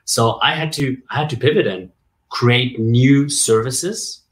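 A man's voice: mid-range voice, measured pace. A man in his forties from Germany, a communication coach, telling his story in a casual interview with jokes and asides. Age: 40s. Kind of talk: casual interview on a video call.

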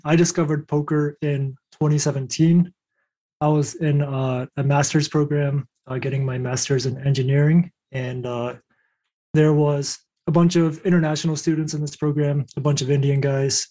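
A man's voice: on the high side, flat delivery, moderate pace, dark tone. A young adult man telling his story casually as a podcast guest. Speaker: podcast guest, poker coach.

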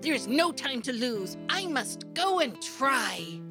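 A woman's voice: high-pitched, sing-song, slow pace, over music, exaggerated voice. A woman voicing an old, frightened male monkey who frets and pleads theatrically. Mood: fretful. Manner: fretful and pleading, theatrical laments.

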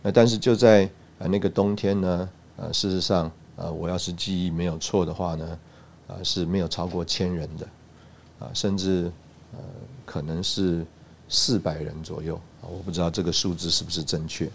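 A man from Taiwan recounting a personal church testimony, halting, with frequent "uh" and "ah" fillers. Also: deep voice, fairly even intonation, vocal fry, a little hiss or hum. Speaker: church speaker giving a testimony.

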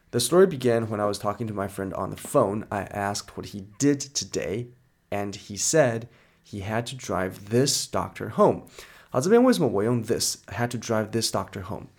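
A man, hosting a podcast English lesson in a chatty, lively way, telling a story and explaining words. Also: on the low side, moderate pace. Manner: lively, chatty explainer who switches into English example sentences. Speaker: English teacher and podcast host.

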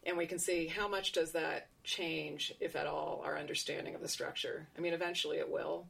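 A woman's voice: low-pitched, steady tone, brisk, creaky, fairly bright tone, slightly rough. A woman researcher explaining her work in conversation, thinking aloud with frequent restarts and asides.

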